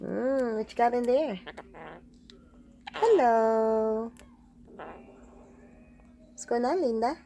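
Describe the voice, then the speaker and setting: A woman's voice: fairly high pitch, normal speed, dark tone, slight background noise. A woman casually talking to her pet parrot, coaxing it in a sing-song voice and dropping in Spanish pet words. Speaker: pet bird owner.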